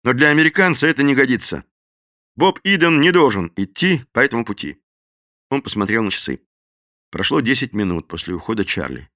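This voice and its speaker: A man narrating an audiobook with dramatic, expressive reading. His voice is bright and forceful, rising and falling widely. The recording is dry and close. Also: medium pitch, fairly quick, no room sound. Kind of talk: scripted narration.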